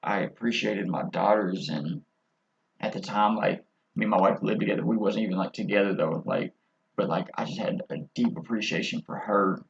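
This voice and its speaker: A man's voice: on the low side, moderate pace, gravelly. A man hosting a podcast, telling a personal story in a candid, casual and profane way. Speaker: podcast host. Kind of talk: casual chat. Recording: slightly muffled audio.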